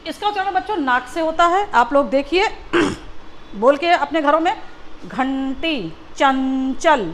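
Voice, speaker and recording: High-voiced teacher explaining to children. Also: female voice, fairly bright tone, slight background noise. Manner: patient, repeats questions to children. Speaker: school teacher. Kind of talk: classroom Hindi lesson.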